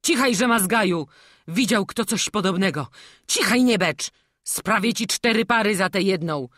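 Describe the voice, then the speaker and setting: A woman's voice: medium pitch, normal speed, fairly bright tone, no room sound, clean studio sound, pitched above the performer's own voice, lightly acted. A woman voicing an anxious older male master woodcarver in an audiobook, fretful and scolding. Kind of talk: audiobook character reading.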